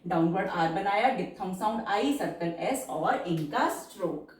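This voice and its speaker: A woman teaching shorthand step by step, patiently checking that each word is clear. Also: mid-range voice, expressive, recorded from a distance. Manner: slow, patient, checks understanding. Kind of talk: step-by-step lesson explanation. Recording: echoey room, voice away from mic.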